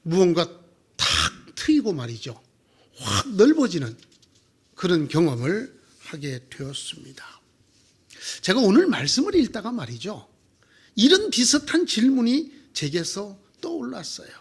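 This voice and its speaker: Animated high-voiced male pastor preaching. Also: a little slow, slightly rough. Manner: animated, asks the congregation rhetorical questions. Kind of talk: sermon. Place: church sanctuary.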